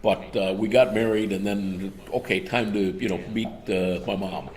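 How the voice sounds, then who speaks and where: A man with a somewhat low voice chats beside the main commentator. He tells stories in a meandering way, pausing on fillers. The delivery is relaxed and conversational. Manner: rambling storyteller, many fillers. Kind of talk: anecdotal commentary chat.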